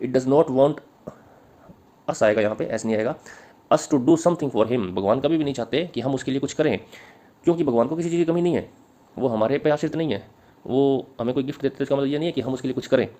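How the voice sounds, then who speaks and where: A young man, teaching an exam-prep literature lesson in a casual explaining tone and slowly dictating model answer lines. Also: medium pitch, mellow.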